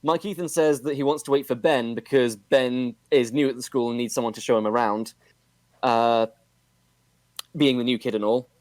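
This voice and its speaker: A man casually recapping a television episode on a podcast, with steady narration and frequent fillers. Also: mid-range voice, moderate pace, no room sound. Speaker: podcast host recapping a show.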